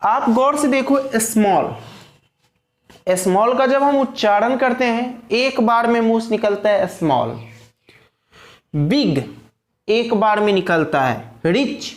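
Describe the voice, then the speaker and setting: A man's voice: very high voice, normal speed, few pauses. Guy teaching grammar on video, asks a question then answers it himself, says every word twice. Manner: drills points by asking and answering his own questions; addresses viewers as friends, repeats key words. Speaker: English teacher. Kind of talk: explaining a grammar lesson.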